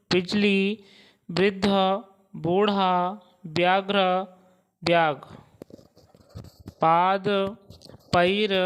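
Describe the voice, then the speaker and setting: Male teacher drilling word lists, very slow and measured, smooth clear voice. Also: sits high, a bit bright. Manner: slow, deliberate recitation of vocabulary lists with pronunciation reminders. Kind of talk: Hindi grammar lesson, reciting word pairs.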